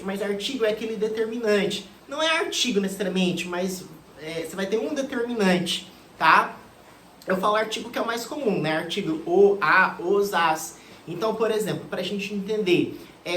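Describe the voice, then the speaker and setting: Woman, Brazilian accent, teacher, didactic, repeats herself, echoey room, faint background noise. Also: mid-range voice. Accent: Brazilian Portuguese. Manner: didactic, repeats key words with questions to students. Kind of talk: exam-prep grammar lesson.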